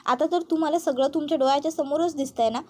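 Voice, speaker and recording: A woman reading the lines of a sharp-tongued young woman who lectures with contempt in a TV serial recap. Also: sits high, rapid-fire, close to an everyday voice. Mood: accusing.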